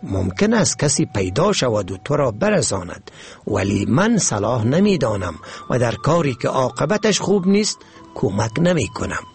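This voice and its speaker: A man voicing a wise, cautious male winged ant who gives calm, slow warnings. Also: mid-range voice, gravelly, faint music behind.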